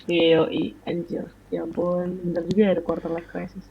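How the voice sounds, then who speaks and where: A woman's voice: lowish voice, monotone, normal speed, gravelly, lo-fi sound, a little hiss or hum. A 25-year-old woman co-hosting a podcast, chatting and venting casually late at night, with English phrases mixed in. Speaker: podcast co-host.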